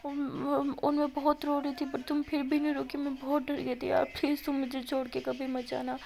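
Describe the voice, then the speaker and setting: A woman's voice: high-pitched, flat delivery, moderate pace, vocal fry, darkish tone. A woman voicing a distraught young college student who begs her partner not to leave, in a tearful, pleading tone.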